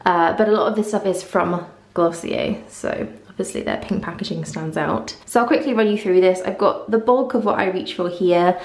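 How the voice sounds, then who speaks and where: A woman chats informally to camera as she walks through her routine. Her voice sits a little low with plenty of vocal fry, and it rings off the walls of an echoing bathroom. The delivery is casual, with self-deprecating asides. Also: normal speed, darkish tone. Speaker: beauty vlogger. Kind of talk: casual chat to camera, morning routine walkthrough. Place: small indoor bathroom. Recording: echoey tiled bathroom.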